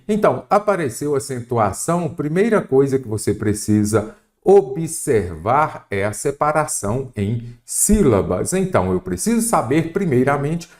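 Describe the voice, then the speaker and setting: Emphatic Brazilian male exam-prep teacher. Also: medium pitch. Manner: emphatic, poses and answers own questions. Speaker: Portuguese teacher for civil-service exams.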